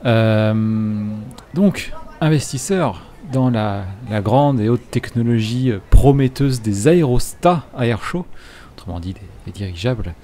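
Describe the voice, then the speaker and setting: A man playing an English airship investor in a tabletop game, hesitant and halting. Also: mid-range voice, lively intonation, dark tone, close to an everyday voice. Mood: earnest. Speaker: player. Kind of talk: tabletop role-play in character.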